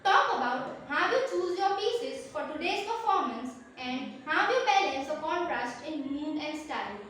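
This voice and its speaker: A woman's voice: high voice, a bit bright. A woman giving an earnest spoken analysis and reflection as a speech and drama exam candidate, explaining her pieces with some hesitations. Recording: very echoey room, distant mic, faint noise.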